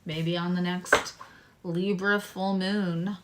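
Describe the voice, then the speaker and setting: A woman's voice: fairly low pitch, level tone, very noisy. A woman giving a casual live tarot reading in a meandering way, her speech slightly impeded by a swollen tongue. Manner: unhurried, meandering, drifting between card readings and asides. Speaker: live-stream tarot reader.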